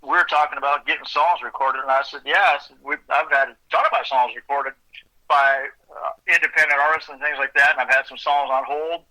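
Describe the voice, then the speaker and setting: A man's voice: fairly high pitch, steady tone, fairly quick, sharp tone, poor audio. A middle-aged man, a songwriter, chatting earnestly and humbly as a guest in an interview. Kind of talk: casual interview chat.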